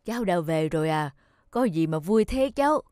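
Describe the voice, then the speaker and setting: Cartoon: woman as a tender, lowish elderly grandfather, hesitant and kind, light music under. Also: lively intonation, normal speed, mellow, lightly acted. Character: gentle elderly grandfather, poor and caring. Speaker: cartoon voice actor.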